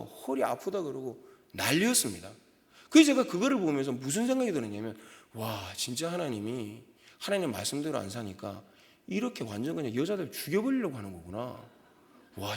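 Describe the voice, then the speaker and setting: A man in his thirties preaching a sermon in a church, telling personal stories with lively delivery and acting out quoted voices. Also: fairly high pitch. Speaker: pastor. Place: church sanctuary. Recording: long hall reverb.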